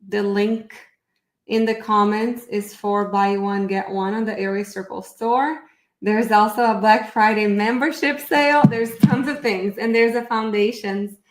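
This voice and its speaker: Raised in Brazil, a therapist hosts a live online session in a casual presentation style, her medium-pitched voice echoing in the room. She's chatty and upbeat, thinking aloud as she sets up and fixes her screen sharing.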